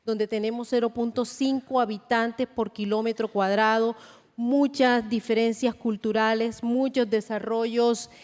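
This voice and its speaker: A Colombian woman speaking at a conference panel, measured and deliberate with frequent hesitations. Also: fairly high pitch, a little mellow. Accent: Colombian Spanish. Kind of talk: conference presentation. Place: large conference hall. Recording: long hall reverb.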